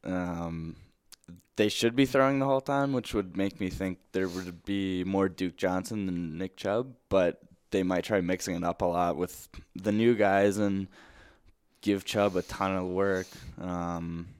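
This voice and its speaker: A man co-hosting a casual fantasy football chat, agreeable and quick to chime in. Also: low voice, fairly even intonation, darkish tone, smooth, dry recording, studio quality. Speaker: podcast co-host.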